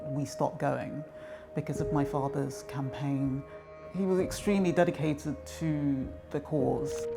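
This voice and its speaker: A man born in Nigeria speaks in a measured, reflective interview tone, pausing now and then. His voice has a gravelly edge, and music plays behind him. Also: mid-range voice. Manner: reflective, measured, with some hesitations. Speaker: interviewee, son of an activist. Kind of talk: documentary interview.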